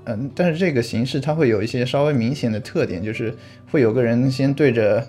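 A man's voice: mid-range voice, a little fast, dark tone, faint music behind. Man explaining at length in casual chat. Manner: explanatory, thinks aloud with restarts and easy laughs. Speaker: podcast guest, vlog creator.

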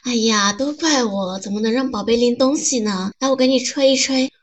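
A woman's voice: fairly high pitch, normal speed, natural voice. A woman acting a doting partner who coaxes and soothes in a comedy skit. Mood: soothing. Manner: coaxing, pleading, soothing.

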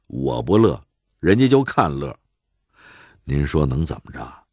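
A man's voice: a bass voice, sing-song, a little slow, slightly rough, no echo, clean studio sound, heavily acted. A man with a Beijing accent voicing a jovial, stubborn old Beijing bird fancier who jokes wryly. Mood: rueful. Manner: wry joking banter.

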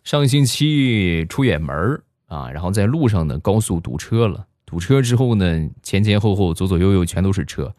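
A young man hosting a show, telling funny stories in a lively, chuckling manner. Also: deep voice, normal speed, few pauses, no room sound, faint music behind. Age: young adult. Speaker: host. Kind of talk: comedic storytelling monologue.

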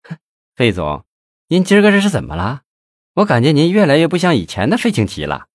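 A man voicing a confident, blunt businesswoman who teases her host with sharp, mocking frankness. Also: mid-range voice, lively intonation, fairly quick, no echo, clean studio sound, natural voice. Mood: teasing. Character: confident businesswoman, company chairwoman, teasing and blunt.

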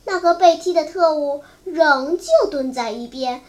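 A storyteller reading a long storybook aloud in a slow, careful way. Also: high voice.

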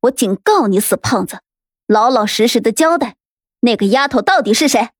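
A man's voice: extremely high pitch, lively intonation, normal speed, no echo, studio quality, pitched above the performer's own voice. A man voicing a fierce teenage girl gang leader, threatening and sneering, in an audiobook. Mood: menacing. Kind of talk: audiobook character voice.

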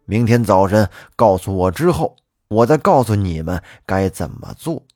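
A man voicing a middle-aged male Taoist feng shui master who speaks in slow, drawn-out pronouncements. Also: fairly low pitch, very animated, a little mellow, no room sound, clean studio sound. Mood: solemn.

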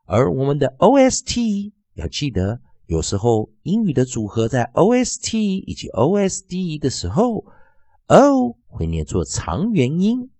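A man teaching English phonics in a classroom style, repeating sounds and words slowly. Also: no room sound. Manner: slow, drawn-out repetition of sounds and words; very lively, sing-song pitch.

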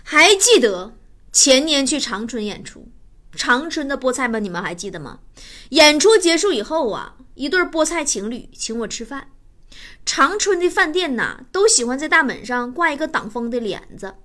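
A woman's voice: high-pitched, big pitch swings, moderate pace, fairly bright tone. A woman comedian, telling stand-up stories in a teasing, self-mocking way. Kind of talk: stand-up storytelling.

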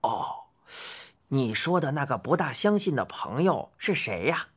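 A storyteller voicing a sly, smooth-talking odd old man in an audiobook, chuckling and ingratiating. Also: medium pitch, big pitch swings, measured pace, voice pushed down. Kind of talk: audiobook character voice.

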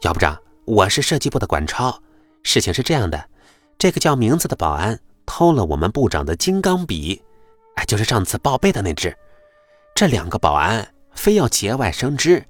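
A man's voice: on the low side, very animated, moderate pace, no echo, faint music behind, pitched above the performer's own voice. A man voicing a scheming, fawning male office worker who twists the facts in a sly, mocking tone.

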